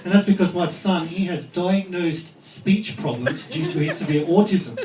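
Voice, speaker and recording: A man's voice: sits high, normal speed, noisy background. A man with an Australian accent doing a chatty, self-deprecating stand-up set on a club stage. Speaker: stand-up comedian. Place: comedy club stage with audience. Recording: echoey club, distant mic, crowd laughter.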